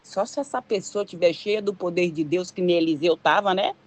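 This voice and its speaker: A woman's voice: lowish voice, normal speed. An older woman with a Brazilian Portuguese accent preaching an informal sermon, chatty and full of rhetorical questions. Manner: conversational, leans on rhetorical questions and tag questions.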